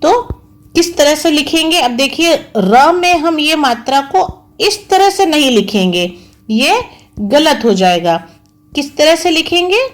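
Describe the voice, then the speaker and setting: Woman teacher, high lively voice, slow careful delivery, repeats each word for small kids. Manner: slow, careful, spelling out each sound and syllable. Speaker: school teacher. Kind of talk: online Hindi lesson for young children.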